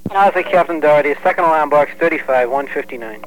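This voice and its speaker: Man, urgent firefighter radio dispatch, fairly high voice, brisk, procedural, repeats orders back. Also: rough recording. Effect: two-way radio. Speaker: fire alarm dispatcher. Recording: archival fire department radio recording.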